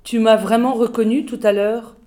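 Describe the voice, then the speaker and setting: A woman reading the lines of a gentle, timid young boy in her own voice. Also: on the high side, fairly even intonation, normal speed, lightly acted. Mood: earnest.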